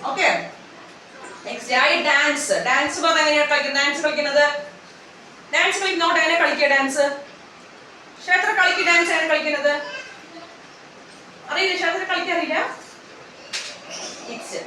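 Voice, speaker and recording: A preschool teacher, coaxing small children in a classroom by repeating simple words and asking many questions. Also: female voice, sits high, normal speed, pauses often, bright, forceful tone, slight background noise. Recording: very echoey classroom, voice from far off.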